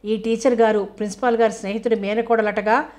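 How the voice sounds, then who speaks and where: A woman's voice: fairly high pitch, level tone, fast talker, a little mellow, close to an everyday voice. A woman reading as a courteous village president. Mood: puzzled. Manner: courteous, puzzled questioning.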